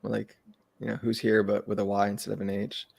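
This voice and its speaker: A man with a low, gravelly voice, co-hosting a podcast. He reads notes aloud in casual chat and drops dry, sardonic asides. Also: completely flat delivery, fairly quick, darkish tone. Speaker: podcast co-host.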